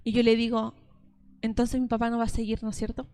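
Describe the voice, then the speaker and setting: A woman's voice: on the high side, monotone, a little fast, mellow, smooth. A woman, preaching a sermon as pastor and acting out both sides of conversations as she tells stories.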